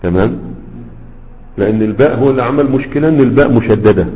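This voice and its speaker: Male grammar teacher, chatty classroom manner, long reverb, muffled lo-fi sound. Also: medium pitch. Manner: conversational, repeats words slowly to model pronunciation. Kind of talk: classroom lesson with questions. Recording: dull lo-fi audio with long hall reverb.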